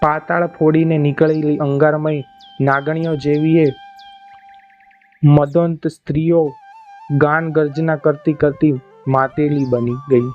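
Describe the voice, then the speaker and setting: A man narrating a folk tale as a storyteller, in a measured, dramatic reading. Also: on the high side, level tone. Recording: dull lo-fi audio, faint music.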